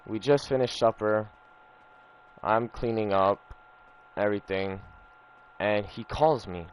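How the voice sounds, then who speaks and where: Young man, low voice, casual gaming chatter, rambling, profane, full of fillers. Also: takes it slowly, muffled recording, a little hiss or hum. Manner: rambling, profane, repeats himself with lots of fillers. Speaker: gaming streamer. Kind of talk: casual storytelling over gameplay.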